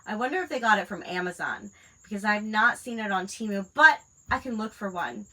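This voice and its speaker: A woman's voice: mid-range voice, lively intonation, brisk, pushed and bright, low-quality recording. A woman with a stuffy head cold, chatting casually and rambling with fillers while she crafts, a mother of school-age kids. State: congested from a cold. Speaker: crafting livestream host.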